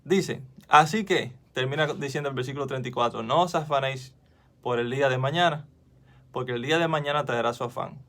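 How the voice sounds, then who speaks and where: A man's voice: medium pitch, fairly quick, fairly bright tone. A man hosting a devotional video, recorded on his phone, talking earnestly and conversationally to viewers and asking them questions. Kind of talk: informal devotional teaching to camera.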